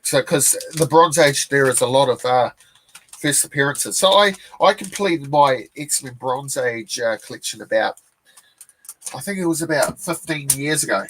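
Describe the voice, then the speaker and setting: A relaxed New Zealand comic collector in his forties chats on a live stream at a moderate pace in a mid-range voice. He wanders from point to point with many fillers and restarts. The rough recording has a little hiss or hum.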